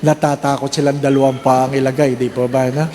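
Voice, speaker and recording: A man's voice: medium pitch, level tone, fairly quick, background noise. A man with a Filipino accent, a priest giving a humorous homily at Mass, mixing English and Tagalog and acting out parishioners in shifting voices. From Philippines. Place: church during Mass.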